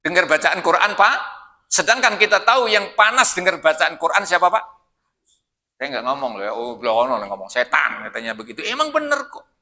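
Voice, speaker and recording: Male preacher, fairly high voice, very bright tone, animated storytelling sermon. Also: a little fast. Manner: lively storytelling, addressing listeners directly. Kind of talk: mosque sermon. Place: mosque.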